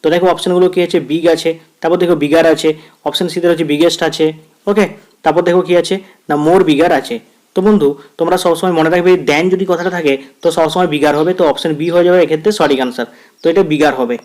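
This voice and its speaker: Man, Bengali accent, fairly high voice, English grammar lesson, repeats himself, reads quiz sentences word by word. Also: fairly even intonation, brisk, darkish tone. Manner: addresses viewers as friend, repeats phrases. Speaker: English teacher. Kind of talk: exam-prep grammar lesson.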